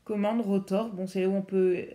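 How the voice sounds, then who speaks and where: A woman's voice: medium pitch, fairly even intonation, normal speed, warm tone. A woman casually walking viewers through phone settings, hesitant and full of fillers and self-corrections. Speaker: YouTuber presenting phone accessibility settings. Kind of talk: casual tutorial walkthrough.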